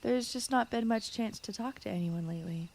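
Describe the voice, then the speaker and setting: Playing a gentle, shy fox spirit who watches over a forest, a woman speaks a little fast in a fairly high voice, softly and often in whispers, rambling and apologetic, in a soothing bedtime ASMR style. Clear crickets, insects and night forest ambience surround her.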